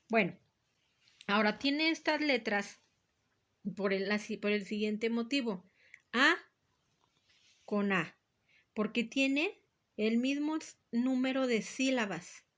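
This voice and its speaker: A woman with a Mexican accent teaching a lesson, explaining a poetry worksheet slowly and patiently, repeating words and counting syllables aloud. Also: a little high.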